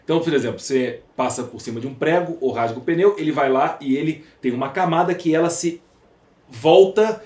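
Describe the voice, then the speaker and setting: His voice sits on the high side, with a brisk delivery and a darkish tone. The Brazilian podcast guest builds emphatic, rhetorical arguments from lists and questions in conversational monologue, against an echoey room and faint background noise.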